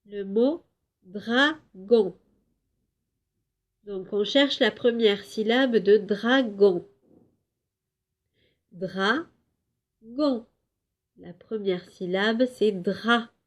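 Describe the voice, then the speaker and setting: Slow, patient kindergarten teacher, woman. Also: medium pitch. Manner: slow, clear syllable-by-syllable teaching; drawn-out, emphatic words for children. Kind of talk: home lesson for young children.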